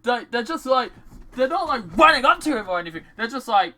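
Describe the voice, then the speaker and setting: Bright, animated reviewer ranting. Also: mid-range voice, brisk, slight background noise. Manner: ranting, exasperated, swears often; many "like" fillers. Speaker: movie reviewer. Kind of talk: casual vlog review.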